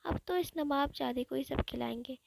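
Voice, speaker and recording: A woman's voice: sits high, moderate pace, gravelly, a little hiss or hum, poor audio. A woman voicing an old grandfather who grumbles in mock jealousy. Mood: grumbling.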